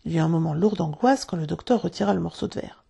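A woman reading a children's storybook aloud in a calm, measured way. Her voice is heavily gravelly and breathy, with a dark, mellow tone. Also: fairly low pitch. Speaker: narrator.

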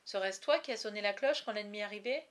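A woman reading aloud, voicing an impetuous young medieval lord who speaks loudly and directly. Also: mid-range voice, quick pace, natural voice.

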